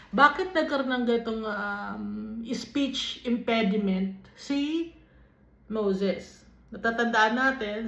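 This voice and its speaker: A woman with a Filipino accent leading a Bible study, reading verses aloud and then explaining them in an unhurried way, switching between English and Tagalog. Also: mid-range voice. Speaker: Bible teacher. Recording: dull, lo-fi recording in an echoey room.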